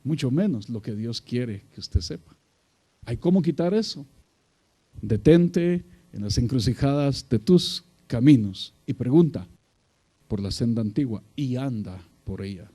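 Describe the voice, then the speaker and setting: A man preaching a sermon, addressing his listeners as brother and swinging between loud exclamations and quiet asides. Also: mid-range voice, lively intonation, measured pace, husky.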